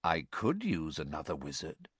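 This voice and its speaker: Hissing, cold Lord Voldemort. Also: male voice, medium pitch, big pitch swings, a little slow, no room sound, pitched above the performer's own voice, heavily acted. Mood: soft menace. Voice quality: breathy, hissing near-whisper. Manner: cold, soft, menacing, contemptuous. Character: cold, menacing male dark lord, frail yet imperious.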